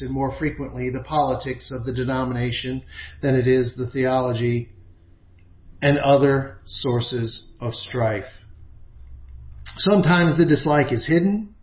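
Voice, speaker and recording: A man delivering a sermon as a preacher, with measured, emphatic phrasing and deliberate pauses. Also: on the high side. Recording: echoey room, slightly dull sound.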